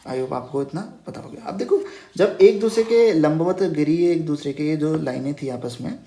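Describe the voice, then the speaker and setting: A slightly high, mellow male voice at normal speed leads a Hindi whiteboard math lesson with a roomy echo. The teacher patiently repeats key terms as questions and checks in with "okay" nearly every phrase.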